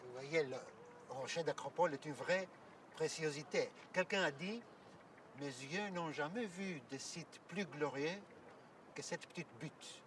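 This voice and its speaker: An actor playing a courteous, explanatory Orthodox priest who guides visitors outdoors, hesitating now and then with fillers. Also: male voice, on the high side, measured pace, distant mic, background noise, close to an everyday voice. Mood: calm. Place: outdoors at an ancient site.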